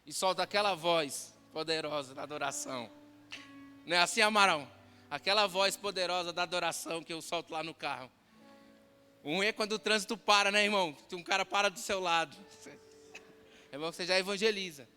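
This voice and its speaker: A Brazilian pastor with a Brazilian Portuguese accent preaches a fervent, story-driven sermon to a congregation, often addressing them as brother and dear. His voice is high-pitched, a little fast, pushed and bright, echoing through a reverberant church hall with music behind.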